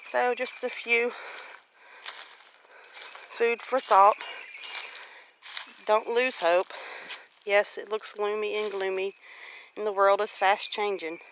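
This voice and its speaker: Taking things slowly and pausing often, a woman in her late forties talks in a mid-range voice with little pitch movement. As a homestead vlogger on a walk-and-talk outside her rural property, she sounds casual, reflective, devout, and encouraging. Background noise is clear in the outdoor recording.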